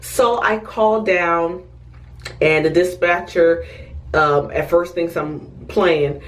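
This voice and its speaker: A woman's voice: lowish voice, takes it slowly, distant mic. A woman with a Texas accent telling a personal story in a chatty way, acting out what people said. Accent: US Southern (Texas). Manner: chatty, animated retelling, acts out quotes. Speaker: storyteller, former hotel security officer. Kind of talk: casual storytime narration.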